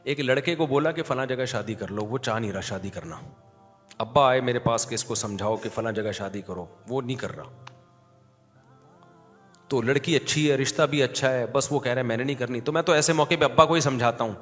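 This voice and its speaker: A male religious scholar telling stories in a sermon, animated and joking. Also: medium pitch, in a large hall, faint music behind. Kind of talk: sermon storytelling.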